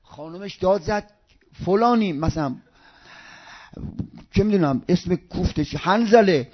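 A male preacher with a high, ringing voice, delivering an impassioned sermon full of retold stories. He lurches from loud cries down to hushed near-whispers and slips into a chanting, sing-song cadence on some phrases. The recording sounds dull and lo-fi. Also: lively intonation. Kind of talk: religious sermon with storytelling.

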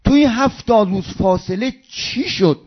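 A male preacher with a high, ringing voice, delivering an impassioned sermon full of retold stories. He lurches from loud cries down to hushed near-whispers and slips into a chanting, sing-song cadence on some phrases. The recording sounds dull and lo-fi. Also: animated. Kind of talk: religious sermon with storytelling.

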